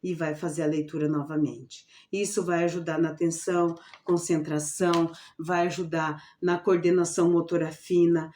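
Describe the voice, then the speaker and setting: A woman teacher explaining her reading lesson plan for a student, often checking in with a quick question. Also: sits low, level tone, mellow. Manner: repetitive, checks in with "certo?". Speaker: special education teacher.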